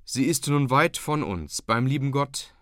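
A man voicing a solemn dike reeve who speaks gently to his child. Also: mid-range voice, animated, measured pace, no room sound, clean studio sound, pitched above the performer's own voice. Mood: gentle, solemn.

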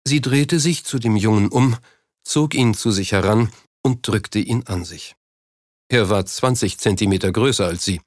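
A man narrating an audiobook in an even, steady storytelling manner. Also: on the low side, moderate pace, dry recording, studio quality. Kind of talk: scripted narration.

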